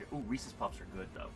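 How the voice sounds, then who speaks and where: A man's voice: on the low side, noisy background. A man chatting casually on a game stream, playful and joking, laughing often. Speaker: streamer co-host. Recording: music playing behind the voice.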